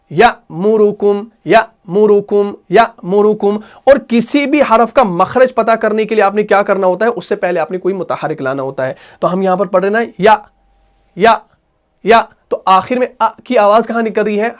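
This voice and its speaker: A man teaching Quran recitation rules. He asks questions and answers them himself, and repeats sounds and recites verses slowly to show them. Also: high voice. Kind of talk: tajweed lesson.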